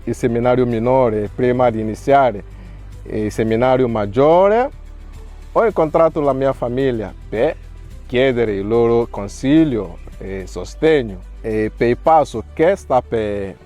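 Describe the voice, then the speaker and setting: Slow, earnest priest from Nigeria. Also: male voice, medium pitch, lively intonation, warm tone, faint music behind. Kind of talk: reading a prepared testimony.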